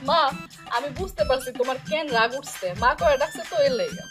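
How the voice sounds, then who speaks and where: An actress playing a feisty, sharp-tongued young village woman. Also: high-pitched, fast talker, lightly acted. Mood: soothing. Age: young adult. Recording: background music.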